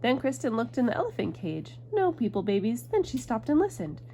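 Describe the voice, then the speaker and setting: A woman reading a picture book aloud to a child at home, with a lively storybook delivery. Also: on the high side, fairly quick, slight background noise, rough recording.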